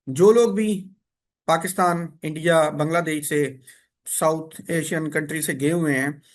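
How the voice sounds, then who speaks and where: High-voiced man teaching step by step. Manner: explains step by step, repeats words slowly to drill sounds. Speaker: language teacher. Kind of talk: spoken lesson.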